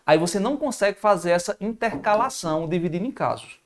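A man's voice: high voice, animated, fast talker. A Brazilian man teaching a live math review, thinking aloud and answering viewer comments in an informal way. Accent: Brazilian Portuguese.

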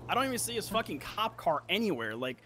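A man in casual in-character role-play chat, halting and full of fillers, swearing offhandedly. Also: high-pitched, sing-song, bright, forceful tone, slight background noise. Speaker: role-play player on a date.

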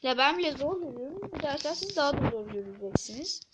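A woman's voice: sits high, very animated, rapid-fire, very noisy. A woman casually commentating her gameplay, talking to viewers with muttered asides. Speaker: gameplay video host.

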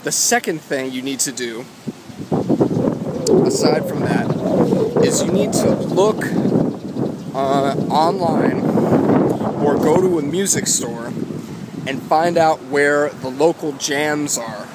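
A man's voice: a little high, slow pace, pauses often. Young New man, noisy street. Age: 20s. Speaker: guitar vlogger. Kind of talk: casual advice vlog. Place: outdoors walking along a city street. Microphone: phone at arm's length, wired earbuds in. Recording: loud wind and street noise on phone mic. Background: wind, traffic, urban ambience.

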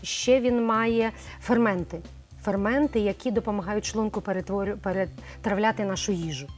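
A woman's voice: medium pitch, fairly even intonation, moderate pace, faint music behind. A middle-aged woman, a cosmetologist guest on a morning TV show, explaining things in a chatty way with frequent hesitations. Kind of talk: morning TV studio conversation.

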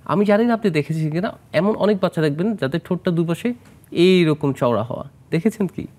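A male plastic surgeon from Bangladesh, a guest in a studio health interview, explains treatments and mixes in English medical terms. His voice is slightly high, dark, and expressive, with a somewhat fast pace, and he also puts questions to the host.

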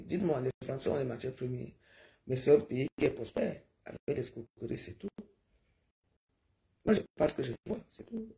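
A woman's voice: a bass voice, gravelly, dark tone. A middle-aged woman from Cameroon, talking in a rambling, pleading live-stream monologue that repeats itself.

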